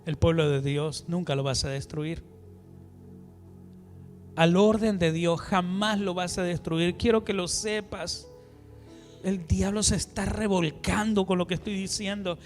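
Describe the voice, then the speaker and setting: A man preaching a sermon as an apostle, swinging between loud exhortation and hushed asides. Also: sits high, fairly even intonation, a little slow. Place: church hall. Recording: music and long reverb of a hall.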